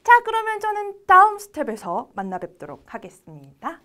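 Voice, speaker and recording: Lively high-voiced woman teaching English. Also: over loud music. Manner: reads English phrases very slowly for repeating; explains in Korean, then models English lines. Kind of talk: recorded English lesson for Korean learners.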